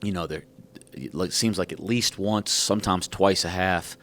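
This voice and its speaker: A man's voice: low-pitched, normal speed, a bit bright. A man coaching basketball, answering at a press conference while out of breath, frank and rambling with a self-joking manner. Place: press conference room at a podium.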